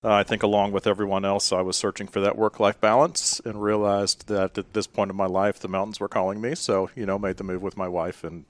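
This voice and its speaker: A man from Memphis, Tennessee, speaking as an interview guest in a measured, thoughtful way. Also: lowish voice, level tone. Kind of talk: professional interview talk.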